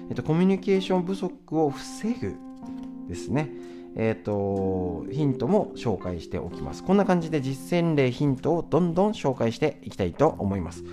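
A man hosting a solo podcast in a chatty, conversational way, often pausing with fillers and tag questions, and sometimes reading aloud from a book. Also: medium pitch. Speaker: podcast host. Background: guitar music.

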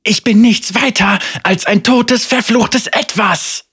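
A man's voice: mid-range voice, expressive, takes it slowly, slightly rough, exaggerated voice. A man voicing a young woman worn down by torment, crying out in despair and then snapping back in defiance through clenched teeth. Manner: shouting in anger, teeth clenched.

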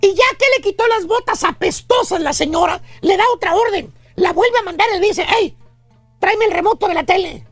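Someone doing a shrill mocking radio gossip. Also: brisk, no echo, soft background music. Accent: Mexican. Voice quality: very high squeaky voice. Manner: scornful, piles up insults, ends lines with güey. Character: shrill mocking gossip ranting about a bossy lazy man. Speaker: radio comedian. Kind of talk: comic radio rant.

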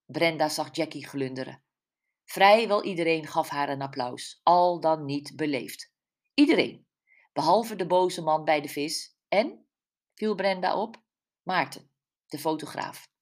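A woman narrating a mystery audiobook in a calm, even storytelling manner. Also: sits low, measured pace. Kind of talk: scripted narration.

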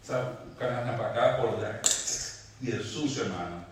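A man's voice: on the low side, moderate pace. Male pastor, fervent sermon delivery with repetitions; distant mic, echoey church with faint background hum.

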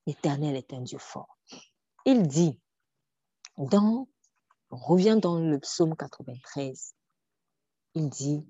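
A woman's voice: low voice, warm tone, breathy edge, no echo, lo-fi sound. A woman preaching a sermon, emphatic, with rhetorical questions and repetition, sometimes dropping to a near whisper.

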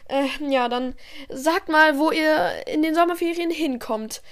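A woman's voice: high-pitched, unhurried. Woman doing a patient sing-song schoolteacher. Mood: teacherly. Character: patient female schoolteacher addressing her class.

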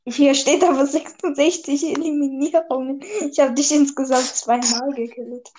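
High-voiced woman in gaming chat. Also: steady tone, normal speed, warm tone, slight background noise. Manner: slangy, teasing, laughs often. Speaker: gamer.

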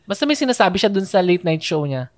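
A man's voice: high voice, very animated, quick pace, no room sound. A man with a Filipino accent, co-hosting a casual podcast, talking loosely with many fillers and restarts. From Philippines. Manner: chatty, mixes English into Tagalog, many fillers and restarts. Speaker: podcast co-host.

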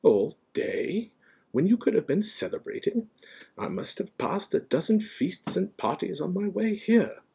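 A man voicing a stern, severe older witch professor in an audiobook, prim and impatient, with sharp, clipped, indignant delivery. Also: high-pitched, big pitch swings, measured pace, creaky, slight background noise, pitched above the performer's own voice, heavily acted. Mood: irritated, impatient. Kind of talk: audiobook character voice.

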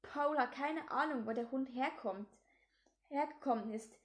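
Woman storybook reader; high voice, steady read-aloud. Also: measured pace. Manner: steady storytelling with small slips. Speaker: reader of a children's book. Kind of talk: reading aloud a children's book.

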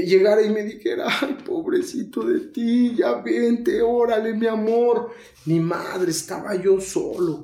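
A man's voice: high-pitched, roomy sound. A man in his thirties with a Mexico City accent telling his recovery story, slangy and intense, acting out the voices in the scenes. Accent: Mexico City Spanish. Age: 30s. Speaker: guest sharing a recovery testimony. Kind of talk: emotional personal testimony.

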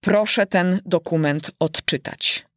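Fussy old storybook king, slow and self-important, put on by a woman narrator. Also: lowish voice, fairly bright tone, dry recording, clean studio sound. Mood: pompous.

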